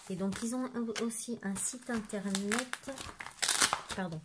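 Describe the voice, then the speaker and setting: A woman's voice: mid-range voice, unhurried, heavy background noise. Chatty woman, rambling haul. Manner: chatty, rambling with frequent fillers and "voilà". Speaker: craft vlogger. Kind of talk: casual haul video. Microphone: phone camera.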